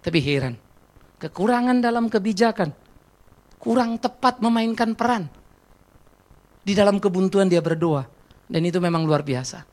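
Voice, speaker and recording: A man preaches a sermon as a pastor, sharing stories and personal confessions and swinging from loud exclamations to quiet, reflective passages. His voice is high with lively intonation, a moderate pace, and long pauses.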